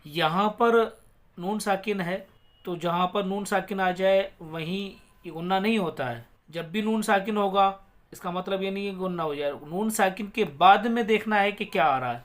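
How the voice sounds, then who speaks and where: High-voiced man teaching Quran recitation. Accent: Pakistani Urdu. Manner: patient, repeats words, drawn-out melodic recitation. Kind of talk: tajweed lesson, explaining then reciting slowly.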